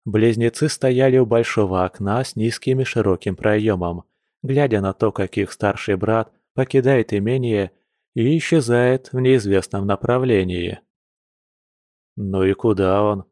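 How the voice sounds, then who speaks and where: A man reading a novel aloud as audiobook narrator, in a steady, even manner. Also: on the low side, moderate pace, no echo, clean studio sound. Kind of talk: scripted narration.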